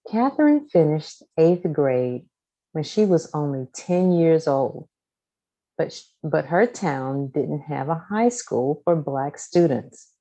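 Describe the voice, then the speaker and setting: A woman with a low, mellow voice reads a scripted children's storybook aloud, taking her time and phrasing each line deliberately and expressively for young listeners. Her pitch rises and falls a great deal.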